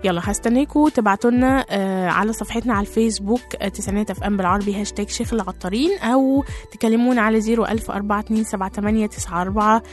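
A woman with an Egyptian Arabic accent hosting a radio show, slightly hoarse after a cold, chatting casually with many fillers. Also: mid-range voice, very fast, soft background music. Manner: chatty, warm greetings to listeners, many fillers. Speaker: radio host.

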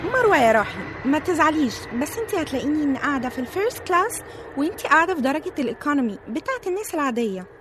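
A woman's voice: sits high, big pitch swings, noisy background. An actress playing a vain, bossy woman TV reporter who bosses her assistant, with an Egyptian accent. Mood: smug. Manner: fussy, bossy, rapid.

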